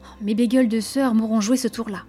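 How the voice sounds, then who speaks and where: A proud, lovestruck young noblewoman from an audiobook novel, as a woman reader puts her on. Her voice rides high and trembles with breathless urgency. The tone stays dark and mellow, over faint background music. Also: fairly even intonation, a little fast, close to an everyday voice. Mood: scheming aside.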